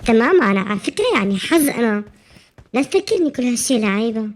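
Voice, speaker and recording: A man's voice: very high voice, big pitch swings, quick pace, slight background noise, exaggerated voice. A man voicing a playful, chatty young woman with a Levantine Arabic accent while gaming. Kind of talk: casual chat while gaming.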